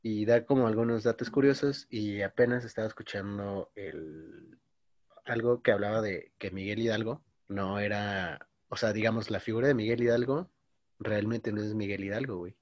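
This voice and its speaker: A man in his twenties with a Mexican Spanish accent tells a long story in casual slang. His voice sits fairly low. The sound is dry and close, with no room around it. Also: normal speed, darkish tone, dry recording, lo-fi sound. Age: 20s. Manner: slangy, says "güey" constantly, storytelling. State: coughing. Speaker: podcast co-host. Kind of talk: casual chat.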